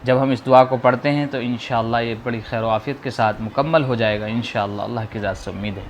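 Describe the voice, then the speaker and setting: A man teaching how to read the Quran, slowly drawing out each letter sound and patiently explaining how to pronounce it. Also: mid-range voice, fairly even intonation, a little hiss or hum. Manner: slow, drawn-out modeling of sounds, explaining patiently. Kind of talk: spoken lesson on letter pronunciation.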